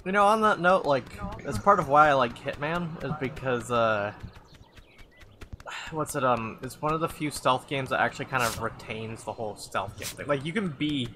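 A man plays a game while chatting, cracking jokes and rambling with plenty of "uh" and "like". His voice sits at a middle pitch. A clear hiss runs behind him from a noisy home mic. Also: moderate pace, pushed and bright. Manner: joking, rambling with fillers. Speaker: let's play player. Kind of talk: casual gameplay chat.

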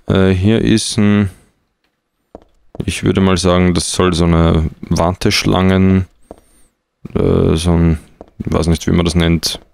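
Deep, creaky-voiced man commentating. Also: level tone, takes it slowly, long pauses, a little mellow. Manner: hesitant, dryly ironic. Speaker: let's player. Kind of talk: casual game commentary.

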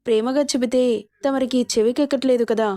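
A woman's voice: high-pitched, steady tone, a little fast, mellow, no echo, clean studio sound, close to an everyday voice. A woman doing a curt, cold husband. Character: stern, short-tempered young husband.

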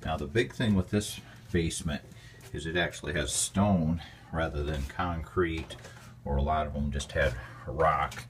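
A man with a very low voice walks through his dark stone basement. He films on a handheld phone and talks in a plainspoken, rambling way. The sound echoes in the basement room, with a faint hum behind him. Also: fairly even intonation, measured pace. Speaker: homeowner giving a basement tour. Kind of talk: casual walkthrough narration. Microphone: handheld phone camera.

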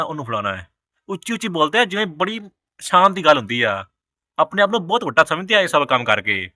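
Sharp-voiced ranting vlogger man. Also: a little high, no room sound, studio quality. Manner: blunt, heated and crude, with swearing and scornful repetition. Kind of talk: ranting social commentary.

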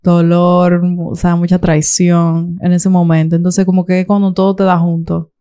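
A woman's voice: lowish voice, moderate pace, clear, resonant tone. A young Dominican woman with a Dominican accent, chatting as an interview guest and acting out quoted voices. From Dominican Republic. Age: young adult. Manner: animated, acts out quoted voices, laughs often. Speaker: guest YouTuber. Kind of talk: casual interview talk.

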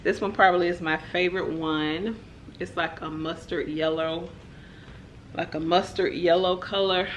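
A woman's voice: on the low side, measured pace, a little hiss or hum. A young woman, chatting casually to camera as she shows off her shopping haul. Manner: chatty, relaxed, lots of "like" and "y'all". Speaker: vlogger.

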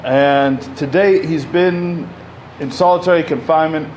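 A man in his thirties, originally from Egypt, gives a public talk as a panel speaker at a podium in a community center hall. His speech is conversational, with lots of fillers and restarts, delivered at a measured pace. The voice is a little high and darkish, and the podium mic recording is muffled with slight background noise.

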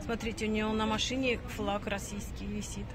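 A woman's voice: medium pitch, flat delivery, moderate pace, background noise. A middle-aged woman vlogging on a handheld phone, rambling casually and thinking aloud as she goes. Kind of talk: casual vlog chat. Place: on the move: stairwell, parked car, busy supermarket. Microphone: handheld phone at arm's length.

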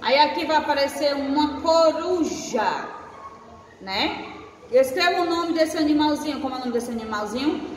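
A woman's voice: high voice, animated, normal speed. A woman teaching a first-grade class, patiently sounding out letters and syllables. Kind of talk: recorded online class lesson. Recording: echoey room with faint noise.

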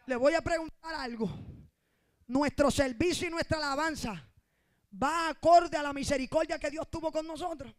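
A woman pastor with a Puerto Rican accent, preaching an impassioned sermon that swings between shouting and soft asides. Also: sits high, normal speed. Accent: Puerto Rican Spanish. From Puerto Rico.

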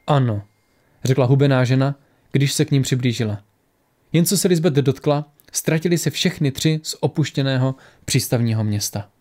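A man narrating a fantasy audiobook in a steady storytelling manner. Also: medium pitch.

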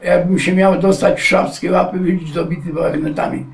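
An elderly man in his nineties tells his memories as a veteran in a rambling, digressive way, often turning to the interviewer with a polite "sir". His voice sits high for a man. He is heard from a distance in a roomy, echoey space. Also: flat delivery, normal speed, gravelly. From Poland. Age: 90s. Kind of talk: oral history recollection. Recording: echoey room, distant mic.

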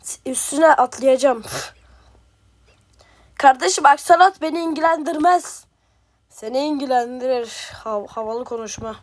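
A woman giving playful, excitable gameplay commentary as a gaming streamer, trash-talking and reacting loudly. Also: high voice, measured pace, long pauses. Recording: game music behind.

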